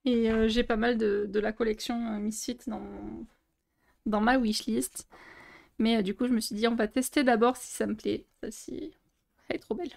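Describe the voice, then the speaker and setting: A woman's voice: on the high side, little pitch movement, moderate pace, creaky, darkish tone. A young woman, chatting casually in a vlog as she shows her coloring books, with many fillers and restarts. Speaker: coloring book youtuber. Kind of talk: casual show-and-tell vlog.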